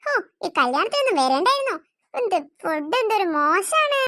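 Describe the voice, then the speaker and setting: A hot-tempered cartoon mother, voiced by a woman, snapping and scolding. Her tone is sharp and very high, recorded dry. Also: sing-song, brisk, dry recording, heavily acted. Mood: irritated. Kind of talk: cartoon voice acting.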